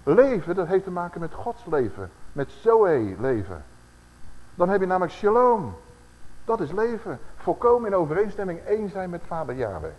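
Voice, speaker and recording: Animated man preaching a sermon. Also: high-pitched, in a large hall, muffled recording. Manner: animated preaching, acts out quoted voices, slows for scripture.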